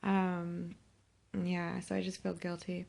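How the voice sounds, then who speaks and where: A hungover woman in her thirties talking in a weary, halting, self-reproachful way in a casual confessional vlog, sounding sick. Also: lowish voice, monotone, vocal fry, darkish tone. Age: 30s. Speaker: vlogger. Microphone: phone held by herself.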